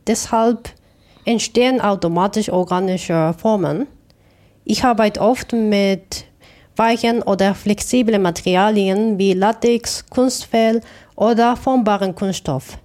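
A woman's voice: mid-range voice, measured pace, a little mellow. A woman from Japan, a Japanese native speaker, answering interview questions about her art in a careful, thoughtful way with small restarts. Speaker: artist.

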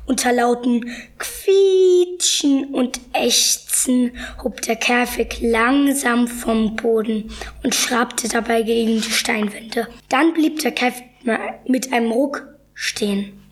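A woman's voice: fairly high pitch, takes it slowly. A teenage schoolgirl reading a children's adventure story aloud, careful and earnest.

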